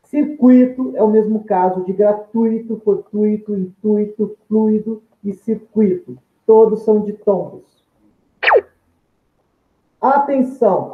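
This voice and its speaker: A teacher explains a grammar lesson slowly and deliberately, leaning on each example word. The sound is thin and phone-like. It rings in an echoey room. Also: medium pitch.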